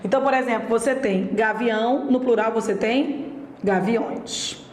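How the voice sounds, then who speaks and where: A woman teaches grammar at a slow, deliberate pace, stretching out each example word. Her voice sits fairly high. The recording has a roomy echo. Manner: speeds up for asides and exam tips.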